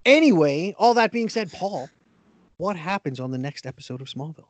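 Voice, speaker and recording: A man co-hosting a casual podcast, talking haltingly with many ums and restarts. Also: high voice, very animated, no echo. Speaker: podcast co-host.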